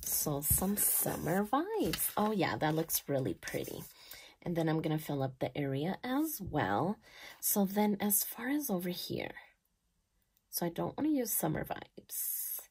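A woman in her thirties chatting casually as she decorates her planner, gushing and thinking aloud, sometimes dropping soft. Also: lowish voice, sing-song, a little slow, slightly rough. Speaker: planner vlogger.

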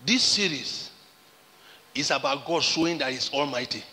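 A man's voice: mid-range voice, moderate pace, bright, forceful tone, big-room sound. A man preaching a sermon as pastor, emphatic and acting out the conversations he retells. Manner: emphatic preaching, acts out quoted exchanges.

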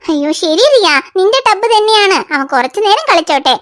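A young cartoon mother, voiced by a woman in a home-made cartoon, patient with her little one but quick to scold. Her voice sits extremely high. She coaxes in a sing-song and turns sharp when she scolds. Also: lively intonation. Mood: pleading. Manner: coaxing and sing-song with the baby, sharp with the older child.

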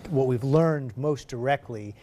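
A man speaking as a news panel guest, explaining events in a measured way. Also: mid-range voice, warm tone, slight background noise.

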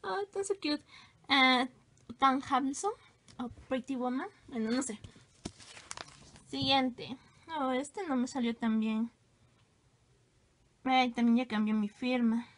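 A woman's voice: high-pitched, little pitch movement, slow, pauses often. Gushing young-sounding woman vlogger. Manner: gushing, exclamatory, self-teasing. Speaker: vlogger showing her old drawings. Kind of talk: casual show-and-tell.

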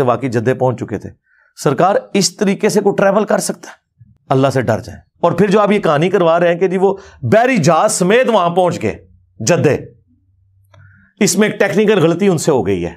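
Man, religious lecturer, argumentative commentary, slightly high voice. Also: very animated. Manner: argumentative, challenging. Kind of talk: critical commentary on a clip.

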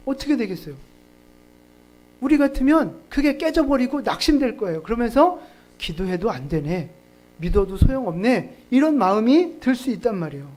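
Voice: mid-range voice, darkish tone. A pastor preaching a sermon at a church service in a conversational, joking way, often laughing and putting questions to the congregation.

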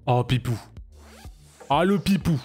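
Male streamer, slightly high voice, chatty jokey game commentary, faint game music under him. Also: expressive, measured pace, darkish tone. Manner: chatty, joking, with frequent restarts. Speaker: let's play streamer. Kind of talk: casual gameplay commentary.

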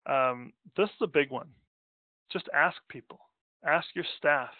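A company president from Denmark gives an unscripted webinar over slides, casual and rambling, full of fillers and restarts. His voice is fairly high and unhurried. The audio is tinny, phone-like and dry, with no room sound.

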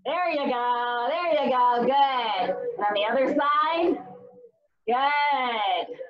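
A woman's voice: sits high, slow pace, highs cut off. A woman speaking as an aerobics instructor for kids, calling out drills and counts in short, encouraging commands. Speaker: kids' fitness instructor.

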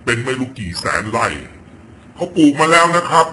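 A man from Thailand delivers blunt, crude political commentary, swearing freely in an animated, swinging voice. His tone is bright and forceful, with a faint hiss of background noise under the home recording. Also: on the high side, fairly quick. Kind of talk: ranting political commentary clip. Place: home in Virginia.

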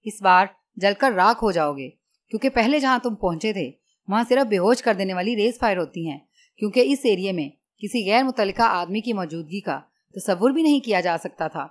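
A woman's voice: medium pitch, natural voice. A woman voicing a frightened middle-aged male lab engineer in an audiobook, stammering and pleading with his captor.

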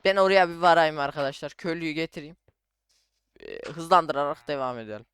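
Young male gaming YouTuber, relaxed running commentary, a touch high, clean and close-miked. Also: a little fast, smooth. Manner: chatty, talks to himself while playing, says "abi" and "arkadaşlar" often. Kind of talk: casual Minecraft let's play commentary.

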